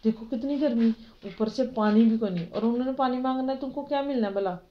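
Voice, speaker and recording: With a Pakistani Urdu accent, a woman teaches religion to children online, often asking them questions to keep them engaged. Her voice is a little high, and the dull, lo-fi recording has a slight hiss or hum.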